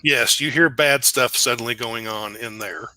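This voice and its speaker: A man narrating a tabletop game as game master, relaxed and explanatory with frequent fillers. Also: mid-range voice, moderate pace, no room sound.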